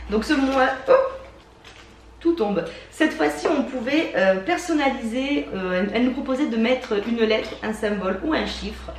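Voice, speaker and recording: A woman casually reviewing beauty box products, chatty and enthusiastic, often pausing with fillers, recorded indoors at home. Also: on the high side, recorded from a distance. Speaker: beauty box unboxing vlogger. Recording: roomy sound from a mic set back, faint hiss.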